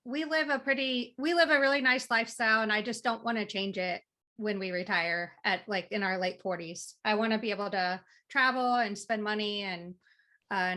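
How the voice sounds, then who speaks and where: A woman in her thirties from the American Midwest, answering interview questions in a relaxed, matter-of-fact way. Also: medium pitch. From Midwest United States. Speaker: freelance writer, interview guest. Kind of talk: casual interview.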